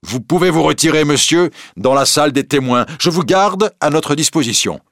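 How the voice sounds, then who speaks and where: A man's voice: on the high side, expressive, normal speed, dry recording, studio quality, pitched above the performer's own voice. Irritable stern judge voiced by a man. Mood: curt. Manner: curt, irritated, sharp. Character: irritable stern male court president.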